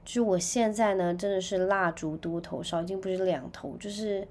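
A young woman with a Taiwanese Mandarin accent hosts a podcast, telling stories in a chatty way with sudden loud outbursts. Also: medium pitch, fairly even intonation, a little fast. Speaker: podcast host. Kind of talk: casual chat.

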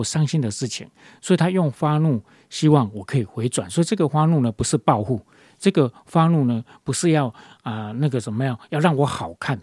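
Husky man sharing a devotional. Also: mid-range voice, a little mellow, no echo, clean studio sound. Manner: rambling, many fillers and restarts. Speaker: devotion leader.

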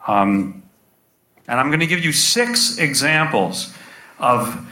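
Older male storyteller, bright and forceful, playful with the crowd; low-quality echoey live stage recording. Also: very animated, slow pace. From United States. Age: 60s. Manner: conversational and playful, with audience asides. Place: stage before a live audience.

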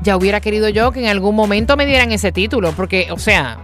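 A middle-aged woman, hosting a radio talk show in an animated, emphatic way. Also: mid-range voice, fast, faint music behind. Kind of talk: casual radio chat.

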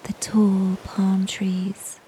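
A woman narrating a guided nature relaxation story in a soft, breathy whisper, unhurried and soothing, with long pauses between short phrases. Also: mid-range voice, completely flat delivery, a little hiss or hum, poor audio.

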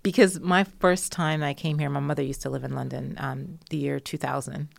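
A woman's voice: extremely low pitch, steady tone, moderate pace, gravelly, no echo. A woman from Jamaica, interviewed and answering thoughtfully, with fillers and light laughter. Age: adult. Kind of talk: conversational interview.

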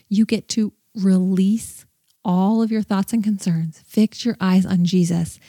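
Brief: woman host, devotional podcast teaching, earnest and encouraging, mellow tone, dry close sound. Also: medium pitch, no echo.

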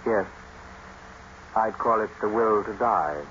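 An actor playing a grave, concerned family doctor, solemn and deliberate, in 1950s radio drama style. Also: male voice, on the low side, a bit bright. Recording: dull old radio broadcast, faint noise.

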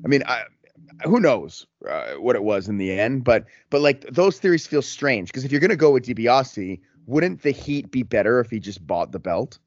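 A man's voice: medium pitch, expressive, normal speed, dry recording, lo-fi sound. A man chatting casually as a podcast co-host, often rephrasing as he works through a thought. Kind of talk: casual chat.

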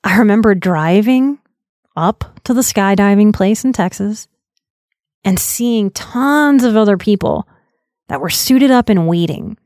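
A woman in her late thirties, a podcast host and life coach, telling a personal story in an earnest, reflective way and slowing down for emphasis. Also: medium pitch, lively intonation, a little mellow, dry recording, studio quality. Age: 30s.

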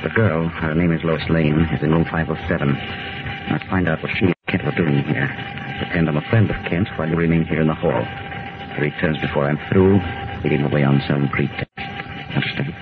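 Deep, menacing fascist agent, old radio. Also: male voice, steady tone, over music. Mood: scheming. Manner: deliberate, commanding. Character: smooth-talking, menacing male fascist agent. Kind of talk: 1940s radio acting. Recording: dull old radio recording.

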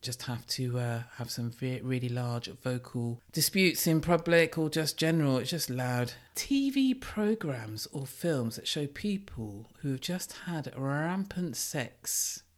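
A podcast host with a British accent talking through pet peeves in a casual solo monologue, blunt and self-mocking, with a naturally loud voice. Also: medium pitch, animated, slow pace, hardly any pauses. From United Kingdom.

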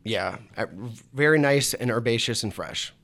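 A man's voice: medium pitch, lively intonation, moderate pace, gravelly, a bit bright. A man visiting a radio studio as a restaurant owner, describing food in a plain, friendly, slightly hesitant way. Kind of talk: casual chat.

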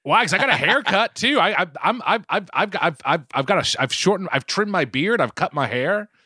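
Male podcast host, Boston accent. Sharp, dry-recorded voice, halting repeats, loose joking talk. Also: high-pitched, lively intonation, breathy edge, no room sound. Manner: stammering, repeats words as he starts sentences. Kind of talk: casual comedic chat.

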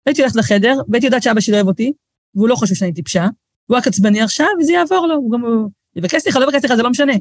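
A middle-aged woman, a guest author telling lively stories in a casual podcast chat, acting out quoted voices and often restarting her sentences. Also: a little high, dry recording, studio quality.

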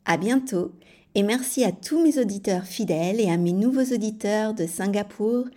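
A woman with a mellow, warm voice hosts a language-learning podcast. She reads a scripted lesson in a measured, clear way and spells out words for her listeners. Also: medium pitch. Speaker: podcast teacher of French.

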